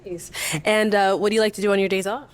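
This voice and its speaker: A woman hosting a dating game, asking quick, upbeat follow-up questions and laughing often. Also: medium pitch, level tone, no echo. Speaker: dating show host. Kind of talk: game show interviewing.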